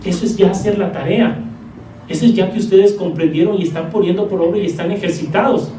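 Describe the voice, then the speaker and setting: A man's voice: high-pitched, fairly quick, warm tone, echoey room, distant mic, slight background noise, poor audio. A man preaching a sermon to a congregation in a church, teaching in a conversational way and often checking in with his listeners. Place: church hall.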